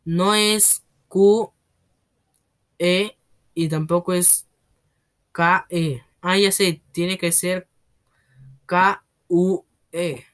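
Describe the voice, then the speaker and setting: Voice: mid-range voice, steady tone, normal speed, fairly bright tone, natural voice. A reader voicing a cheeky but scared schoolboy in a read-aloud storybook, talking nervously. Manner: nervous, pleading.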